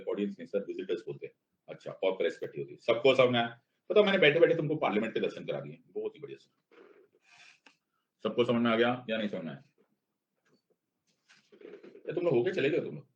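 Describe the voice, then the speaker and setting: A man's voice: fairly low pitch, sing-song, brisk. A man teaching a class in a playful way, answering his own questions in students' voices and checking again and again that everyone understands. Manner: keeps asking if students understand. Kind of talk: classroom lecture. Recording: dull lo-fi sound.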